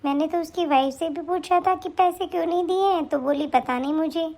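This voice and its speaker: A woman voicing a middle-aged mother-in-law who complains helplessly about household money, in an animated story. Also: very high voice, a little fast. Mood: fretful.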